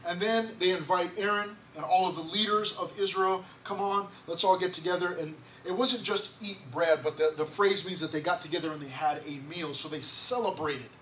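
Male pastor, high voice, easygoing sermon with restarts, faint hiss behind. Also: steady tone, normal speed, few pauses, a bit bright. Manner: conversational, repeats words, asks the congregation questions. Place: church sanctuary.

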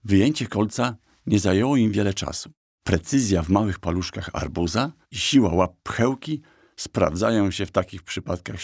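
A man narrating a children's audiobook calmly and evenly into a close studio mic. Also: on the low side, gravelly, husky, no echo.

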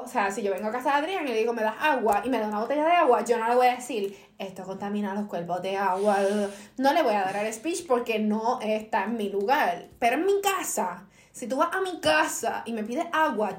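A woman's voice: on the high side, fairly quick, echoey room. A woman with a Puerto Rican accent, co-hosting a casual chat and telling stories with acted-out quotes. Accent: Puerto Rican Spanish. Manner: animated storyteller, acts out quotes. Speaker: podcast co-host.

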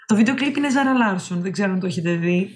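A woman's voice: medium pitch, lively intonation. Chatty opinionated woman on a call. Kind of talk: casual group chat.

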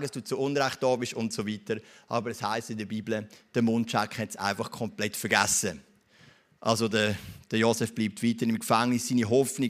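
A man with a Swiss German accent preaching, his voice sitting a little high. He retells scripture as a story and keeps turning to the congregation with direct questions. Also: a bit bright. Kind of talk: sermon.

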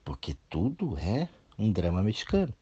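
A man speaking as a therapist in a blunt, no-nonsense talk. His voice is deep and dark with a husky edge, and his pitch swings widely as he mocks whiny excuses. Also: wildly swooping pitch, moderate pace, lo-fi sound. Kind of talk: motivational talk.

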